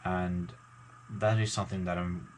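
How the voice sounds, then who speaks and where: Very deep-voiced mumbling man. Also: flat delivery, a little mellow, slight background noise, rough recording. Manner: halting, mumbling, many fillers and restarts. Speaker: gaming YouTuber. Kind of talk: casual talk to camera.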